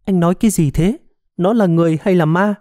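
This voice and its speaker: A man's voice: high voice, fast talker, mellow, no echo, studio quality, voice pushed up, natural voice. A man voicing a timid, frightened young woman who speaks in a trembling way in a storybook. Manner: trembling, fearful.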